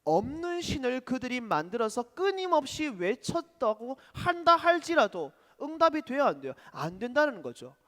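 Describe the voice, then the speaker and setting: A man preaching a youth sermon, asking rhetorical questions and swinging between loud and hushed delivery. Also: extremely high pitch, big pitch swings, moderate pace, hardly any pauses, long reverb tail. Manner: asks rhetorical questions, dramatic shifts in loudness. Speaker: preacher to teenagers. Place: church.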